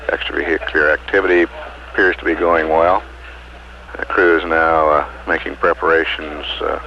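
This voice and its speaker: Super deep guy doing halting mission control commentary, old space radio, dull and a bit noisy. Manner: halting, measured, matter-of-fact.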